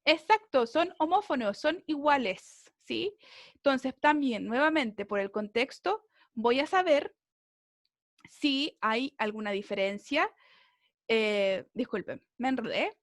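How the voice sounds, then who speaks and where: A woman's voice: sits high, expressive, takes it slowly, dry recording, clean studio sound. A woman English teacher explaining a lesson over a video call, patiently checking that her students follow. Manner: patient, keeps checking understanding with tag questions. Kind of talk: online class explanation.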